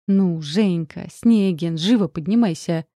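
A woman voicing a brisk, blunt adult sister in an audiobook. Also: on the low side, dark tone, no room sound, studio quality, close to an everyday voice.

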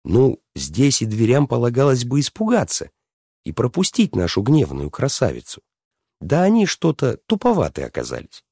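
A man telling a fairy tale to a listener, lively and stopping to ask her questions. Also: medium pitch, moderate pace, husky, no room sound, clean studio sound. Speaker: storyteller.

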